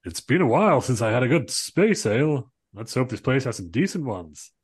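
A man's voice: medium pitch, very animated, a little fast, slightly rough, voice pushed up. A man voicing a steadfast, encouraging space hero, earnest and rallying, in an amateur script reading. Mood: casual.

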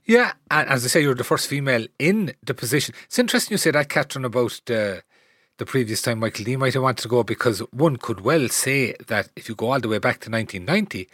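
A man speaks as an interviewer in a conversational style. His delivery is very fast and his medium-pitched voice sounds dry, with hardly any room around it. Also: expressive, a bit bright, no room sound.

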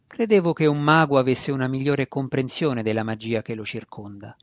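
A man reading the part of a calm young male dark elf warrior, cool and quietly menacing, in an audiobook. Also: medium pitch, normal speed, dry recording, lo-fi sound, natural voice.

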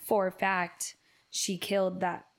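A young woman co-hosting a casual true-crime podcast, chatty and quick to laugh. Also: lowish voice, level tone. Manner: giggly, chatty. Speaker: podcast co-host.

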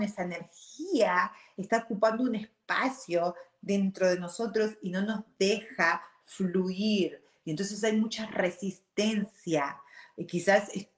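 Candid woman in her forties, roomy echo. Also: medium pitch. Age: 40s. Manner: candid, animated, mixes in English words. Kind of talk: reflective personal monologue.

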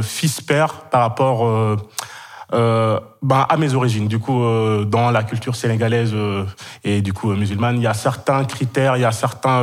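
Young man in his twenties, podcast guest, casual storytelling, halting, lots of fillers and restarts, mid-pitched voice. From Senegal, raised in Kenya. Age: 20s. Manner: hesitant, many fillers and repeated words, laughs often.

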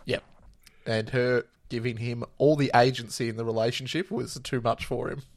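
Wry gravelly man. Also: mid-range voice, fairly even intonation, normal speed, dry recording. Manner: wry, sarcastic asides. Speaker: podcast co-host. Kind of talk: casual chat recapping a reality show.

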